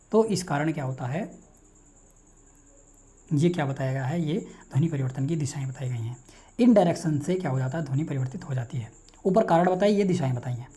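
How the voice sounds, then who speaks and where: Male teacher with a Hindi accent, mellow, rapid delivery that keeps quizzing the class. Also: on the high side. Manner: rapid, repetitive, quizzes himself aloud. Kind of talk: online exam-prep lecture.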